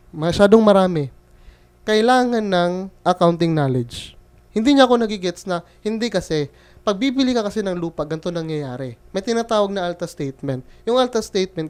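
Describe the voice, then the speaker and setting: A man's voice: high-pitched, darkish tone, clear, resonant tone. A young man from the Philippines, a freelance bookkeeper telling a story in a casual, joking vlog style. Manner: chatty, joking storyteller who quotes others.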